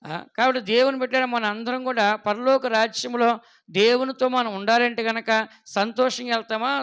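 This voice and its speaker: A man preaching a sermon as pastor, often asking the congregation questions and prompting them to answer, with lively storytelling. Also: very high-pitched, creaky, clean tone. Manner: animated storytelling with quoted voices.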